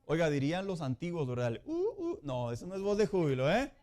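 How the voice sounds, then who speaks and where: A middle-aged pastor with a voice high for a man delivers a Sunday school sermon at a quick pace. Lively and joking, he addresses his listeners as brothers and sisters, "hermanos."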